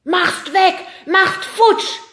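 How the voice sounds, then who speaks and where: A woman's voice: drawn-out words, sharp tone, slight background noise, heavily acted. A woman voicing a small homesick yeti who howls and speaks in broken, childlike phrases. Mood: panicked. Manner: shrill, wailing, broken grammar.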